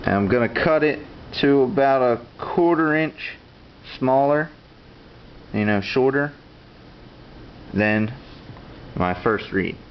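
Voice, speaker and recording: A man's voice: medium pitch, animated, slow pace, long pauses. A man giving a casual, plainspoken, matter-of-fact how-to demonstration as an instructor. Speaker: instructor demonstrating duck call tuning. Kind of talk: casual hands-on tutorial. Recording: dull lo-fi sound with clear background noise.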